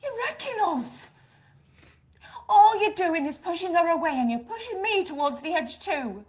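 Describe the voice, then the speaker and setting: An actress playing an exhausted mother who scolds her husband forcefully. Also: extremely high pitch, very animated, moderate pace. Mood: angry. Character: exhausted, fierce British mother and wife.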